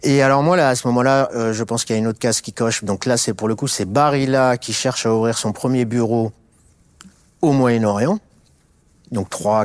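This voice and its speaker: A business executive in middle age, from the Alsace region of France, shares his story as an interview guest, stumbling through fillers and restarts. The mid-range voice is slightly mellow, and there's no room sound on the recording.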